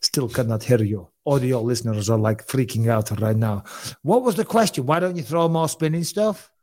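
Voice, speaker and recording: A man in his forties hosting a casual podcast, brash and quick to swear as he tells stories into a studio mic. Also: medium pitch, lively intonation, mellow. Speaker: podcast host. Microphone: studio mic with headphones.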